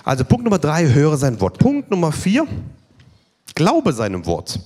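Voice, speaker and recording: Male preacher, lively swinging delivery, emphatic repetition, numbered points. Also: fairly high pitch, a little slow, husky. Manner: emphatic, repeats key phrases, counts points. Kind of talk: sermon at a healing evening.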